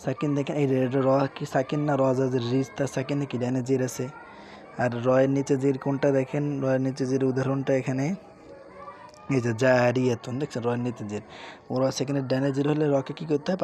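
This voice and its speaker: A man teaching Quran reading, spelling out syllables slowly and repeating each word, asking questions and answering them himself. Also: medium pitch, level tone, mellow. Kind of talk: spelled-out recitation lesson. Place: madrasa room with sounds nearby. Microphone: screen-recording setup.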